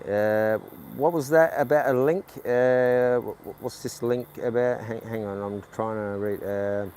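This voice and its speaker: Casting note: a man streaming from a street market on his phone, halting, chatty, mid-pitched, faint street noise behind. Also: a little mellow. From New Zealand. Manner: rambling, halting, with many restarts. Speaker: livestreaming vlogger. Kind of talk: casual live-stream chat. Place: outdoors at a night market.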